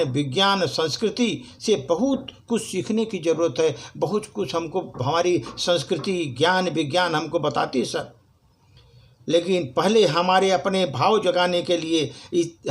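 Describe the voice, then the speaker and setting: A man with a notably high voice gives an earnest spoken presentation. He addresses his listeners politely and pauses to sound out each letter slowly and clearly. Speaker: presenter explaining the Hindi alphabet. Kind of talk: spoken classroom-style presentation.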